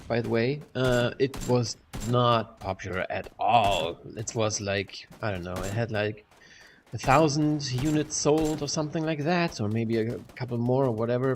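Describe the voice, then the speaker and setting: A man from Germany, rambling casually and swearing freely as he talks over gameplay, his voice echoing in a bare room at home. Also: medium pitch. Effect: echoey room sound, like a big bare hall. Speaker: gaming channel host. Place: sparsely furnished room at home with large windows. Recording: echoey room with faint noise.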